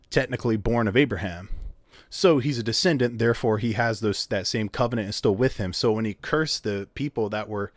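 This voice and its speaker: A man's voice: fairly low pitch, no echo, clean studio sound. A man explaining a Bible story in a casual spoken way, thinking aloud with rhetorical questions and frequent restarts. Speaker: solo video creator explaining a Bible story.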